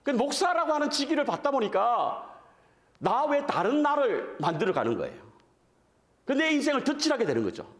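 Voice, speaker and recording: A man with an extremely high voice speaks fairly quickly as a guest preacher at a revival. His sermon is animated and conversational, full of questions put to the congregation and self-deprecating asides.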